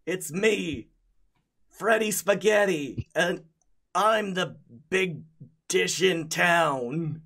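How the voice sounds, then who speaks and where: A man's voice: sits high, drawn-out words, creaky, a bit bright, pitched above the performer's own voice, exaggerated voice. A man voicing a brash, swaggering spaghetti golem in a tabletop game, blustering like a slangy small-town mobster. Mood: brash boasting. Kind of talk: tabletop role-play character voice.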